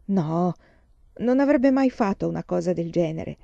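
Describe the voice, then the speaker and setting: A proper pioneer mother who fusses and exclaims in dismay, as a woman reading the story puts her on. Her tone is mellow and warm, and it comes through a dull, dry, slightly muffled recording. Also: on the low side, animated, a little slow, creaky, no echo. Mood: thoughtful. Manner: exclaiming, fussing.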